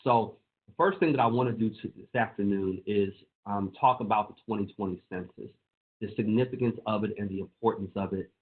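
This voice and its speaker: Brief: lower-voiced man, pastor and lawmaker, earnest, repeats key phrases, presenting to pastors over thin phone-line call audio. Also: brisk, a little hiss or hum. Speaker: pastor and state legislator.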